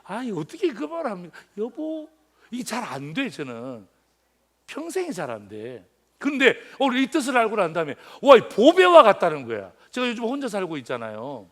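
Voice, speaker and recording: Animated, high-voiced pastor preaching with humor. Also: male voice, brisk. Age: 50s. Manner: animated, joking, swings between loud exclamations and quiet asides. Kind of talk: sermon.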